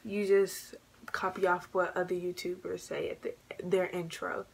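A woman's voice: lowish voice, flat delivery, moderate pace, gravelly. A young woman chatting casually as co-host of a YouTube channel, recorded in a bedroom on a camera mic. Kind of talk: casual chat. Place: small bedroom. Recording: noisy home webcam recording.

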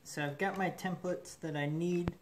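A man in a metal fabrication shop, talking through a build in a relaxed way and thinking aloud with fillers, recorded on the camera mic from above the bench. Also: high-pitched, moderate pace, slight background noise. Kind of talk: casual shop demonstration. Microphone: camera mic, speaker off-frame above the bench.

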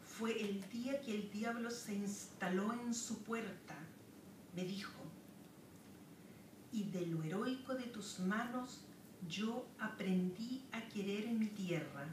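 At a podium in a wood-paneled lecture room, a woman poet from southern Chile gives a reading, reciting slowly and pausing between lines, with spoken asides mixed in. Her voice is mid-range. The camera sits far across the room, so the recording is roomy, distant, and noisy.

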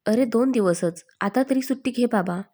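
A woman's voice: on the high side, normal speed, warm tone, close to an everyday voice. A woman reading a story aloud, voicing a scolding, teasing young elder sister.

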